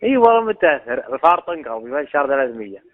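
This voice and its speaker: Man, teasing and blunt, high and lively, talks fast, tinny dry phone audio. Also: no room sound. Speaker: person receiving a phone call. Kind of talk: casual phone chat.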